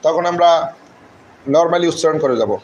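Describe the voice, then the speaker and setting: A man teaching Quran recitation in a live online class, spelling out words slowly syllable by syllable and answering viewers by name. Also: a little high, darkish tone, a little hiss or hum, rough recording. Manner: slow syllable-by-syllable spelling drills.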